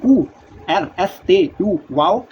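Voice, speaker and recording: A man teaches in a casual, patient way, repeating each sound slowly. His voice sits high and mellow. The recording is dull and lo-fi with faint noise behind. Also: lively intonation. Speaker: language teacher. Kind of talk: casual spoken lesson.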